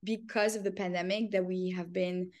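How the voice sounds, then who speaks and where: This twenty-something woman, born in France and raised in Canada, gushes eagerly and laughs often during a casual podcast interview. Even so, her lowish, slightly mellow voice has a flat delivery and a moderate pace.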